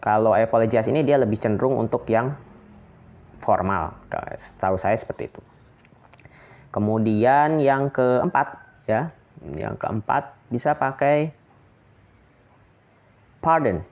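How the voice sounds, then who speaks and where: A man from Indonesia explaining English phrases in a relaxed, chatty lesson, with fillers and light laughs. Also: mid-range voice, unhurried, pauses often, muffled recording. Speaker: English teacher.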